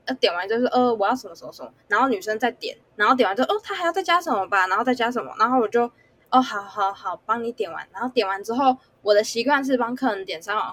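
A woman's voice: mid-range voice, husky. A young woman student, telling a work story casually and animatedly. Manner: animated storyteller, acts out customers' voices. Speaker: guest, student.

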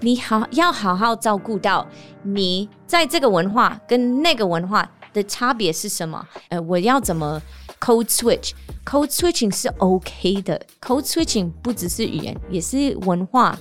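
A woman from the United States, a native English speaker, hosting a casual podcast monologue, telling stories in an animated way and laughing often. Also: mid-range voice, measured pace, faint music behind. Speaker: podcast host; teacher and performer.

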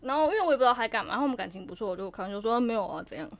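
A young woman, co-hosting a podcast in casual chat and telling a ghost story, sometimes dropping to a hushed voice. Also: fairly high pitch, rapid-fire. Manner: lively storyteller, drops to a hushed voice for spooky parts. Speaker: podcast co-host.

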